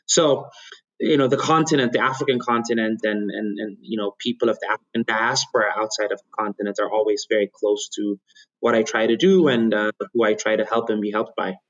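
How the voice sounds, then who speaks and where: A man in his thirties from Ethiopia, whose first language is Amharic, speaks as a guest in a thoughtful, measured way. He often restarts his phrases as he gathers his thoughts. The audio is slightly dull and lo-fi, as if from a remote recording. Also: on the low side, fairly even intonation. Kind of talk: conversational interview.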